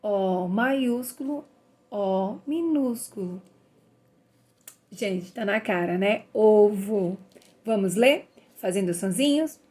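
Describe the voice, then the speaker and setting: A woman giving a children's reading lesson, sounding out letters slowly and praising the listener. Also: mid-range voice, lively intonation, warm tone. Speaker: literacy teacher. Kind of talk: slow phonics lesson for children.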